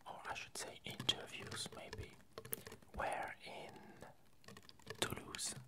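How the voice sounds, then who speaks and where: A woman whispers a casual ASMR update in short, halting phrases with pauses, as ice cubes clink in the background. She's the creator and host of the video.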